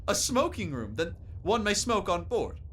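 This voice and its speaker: A man's voice: high voice, big pitch swings, moderate pace, fairly bright tone, slight background noise. A man acting a polite, learned professor in a radio play, speaking formally as an impressed guest. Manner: formal, courteous.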